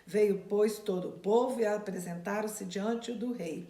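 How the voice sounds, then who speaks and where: A Bible study teacher reads scripture aloud, then retells it to her class in plain, casual words. Her voice is medium-pitched and warm, a little slow, and sounds reverberant.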